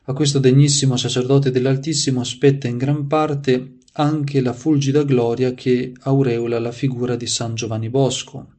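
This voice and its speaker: A man's voice: medium pitch, little pitch movement, normal speed, few pauses, dark tone. Devout man reading a saint's life. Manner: devout, reads aloud with added asides and restarts. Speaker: preacher.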